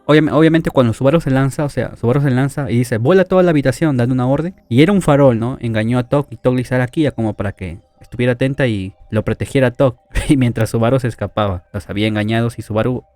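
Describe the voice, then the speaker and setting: A man's voice: medium pitch, quick pace, few pauses, darkish tone, no room sound, faint music behind. A man casually retelling an anime plot in a loose, chatty way, with lots of fillers and tag questions. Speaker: anime story narrator. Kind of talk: casual spoken story recap.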